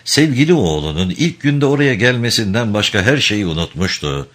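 Deep-voiced, expressive male audiobook narrator. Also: moderate pace.

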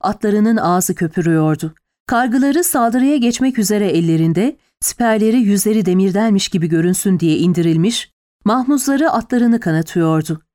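Woman narrating an audiobook, mid pitch. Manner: steady, measured storytelling. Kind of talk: scripted narration.

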